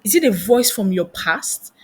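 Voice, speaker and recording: A woman's voice: medium pitch, lively intonation, unhurried, slightly rough. A woman giving a motivational career lesson, firing off rhetorical questions. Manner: asks many rhetorical questions. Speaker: career coach and trainer. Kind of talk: motivational teaching talk.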